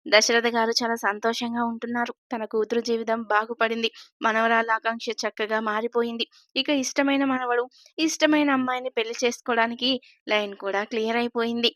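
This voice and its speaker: A woman narrating a serialized family love story in an even storytelling manner. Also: on the high side, a little fast, dry recording, studio quality.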